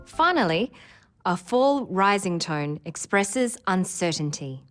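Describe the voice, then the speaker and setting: A woman presenting an English exam preparation lesson in clear, careful scripted narration. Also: mid-range voice, big pitch swings, slow, faint music behind. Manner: clear, careful delivery with demonstrated intonation.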